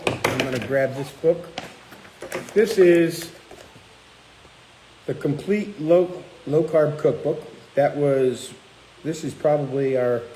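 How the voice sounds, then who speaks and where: Hosting a casual chat, this middle-aged cookbook author and channel host tells animated stories, imitating the people he quotes in a medium-pitched voice. The recording is low-quality with a little hiss or hum.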